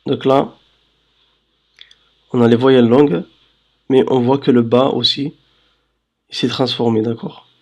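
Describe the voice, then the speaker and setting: Guy teaching, super slow and patient, stretches out syllables, keeps asking if you got it. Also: medium pitch, steady tone, darkish tone. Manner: patient, checks understanding with "d'accord?"; drawls syllables slowly for demonstration. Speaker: Arabic reading teacher. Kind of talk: slow screen-recorded lesson.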